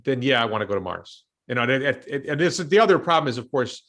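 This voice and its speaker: An American man in his fifties talks through his ideas in a casual discussion. His voice has a bright, forward ring. He thinks aloud, stopping and restarting his sentences with plenty of ums. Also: mid-range voice, expressive, fast talker. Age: 50s. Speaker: show host and investor.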